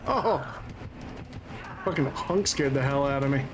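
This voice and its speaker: A woman in casual gaming chat with friends, joking and easily excited. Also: rumbling low, a little slow, background noise. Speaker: video game player.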